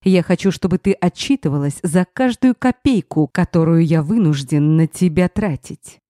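A woman's voice: on the low side, expressive, moderate pace, warm tone, no room sound, clean studio sound, lightly acted. A woman voicing a rude, domineering man, her ex-husband, barking orders with contempt. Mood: commanding.

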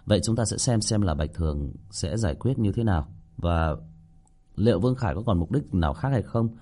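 A man tells a ghost story in a deep, low voice with a husky, slightly rough edge. His tone is mellow and dark, while his pitch moves a lot as he narrates. He reads it like a serialized audiobook. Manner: lively narration with voiced dialogue.

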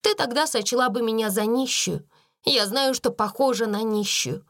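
A woman's voice: on the high side, normal speed, a bit bright, no echo, studio quality, voice pushed up. A woman voicing a proud, hungry young schoolgirl who speaks earnestly in a storybook reading. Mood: bitter earnest.

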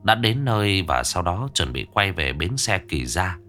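Deep-voiced man narrating a ghost story. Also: very animated, normal speed, pushed and bright, faint music behind.

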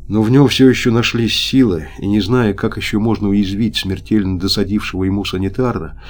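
A man reading literary prose aloud in a measured, even manner. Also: lowish voice. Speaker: audiobook reader. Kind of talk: scripted literary narration.

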